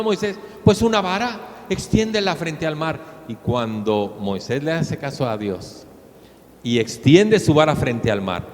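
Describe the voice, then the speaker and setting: A man's voice: mid-range voice, a little mellow. A middle-aged man with a Mexican Spanish accent preaching a sermon, telling the story with rising emphasis and acted-out quotes. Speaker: pastor. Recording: long hall reverb.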